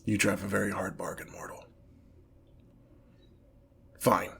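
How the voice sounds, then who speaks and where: This man's voice sits low and level, creaky, husky and a bit bright, fully in character as a haughty, exasperated demon lord, grandiose yet petty, in a scripted ASMR fantasy roleplay told as one-sided dialogue. Reluctant and irritated, the performer talks formally and pompously, with slow, deliberate phrasing broken by irritated sighs.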